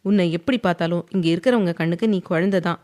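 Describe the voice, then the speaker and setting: A woman's voice: lowish voice, fast talker, darkish tone, natural voice. A woman voicing a stern, teasing, possessive young husband in an audio novel, reading his lines firmly. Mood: firm, tender.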